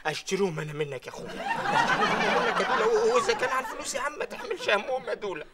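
An actor playing a cheeky young bazaar worker who begs and whines in a sitcom. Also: male voice, very high voice, huge pitch swings, very fast, over a noisy crowd, very noisy, heavily acted. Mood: eager. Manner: whiny, begging, breaks into crying. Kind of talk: sitcom acting.

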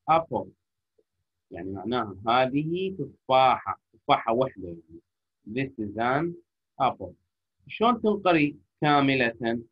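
Iraqi guy teaching kids english over a muffled video call, bit husky, patient, says phrases super slow. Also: mid-range voice. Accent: Iraqi Arabic. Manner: patient, repeats phrases slowly to model pronunciation. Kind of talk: online class teaching. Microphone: computer or phone mic on a video call. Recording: lo-fi online call audio.

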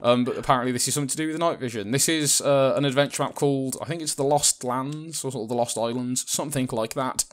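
A man's voice: mid-range voice, quick pace, hardly any pauses. A British man co-hosting a casual let's-play, rambling and joking, laughing often and swearing casually. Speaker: gaming channel co-host.

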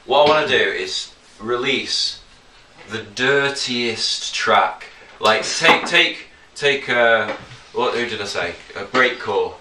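A man with a northern English accent, a violinist guest in casual chat, talking in halting restarts and fillers. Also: mid-range voice. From Manchester, England. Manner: hesitant, full of restarts and fillers. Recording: echoey room, distant mic, faint noise.

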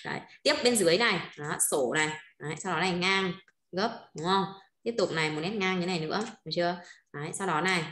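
A woman's voice: fairly low pitch, fairly bright tone. Patient woman teacher, roomy sound. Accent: Northern Vietnamese. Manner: patient, keeps checking with quick questions. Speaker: Chinese teacher. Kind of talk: language lesson to a class. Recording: roomy echo.

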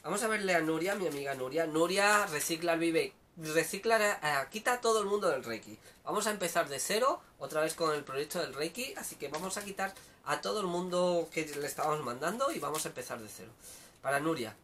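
A man's voice: on the high side, expressive, a little fast, fairly bright tone, slight background noise. A man giving a casual live tarot reading, chatty and repetitive, calling out viewers by name. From Spain. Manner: chatty, repeats words, greets viewers by name. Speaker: tarot reader on a live stream.

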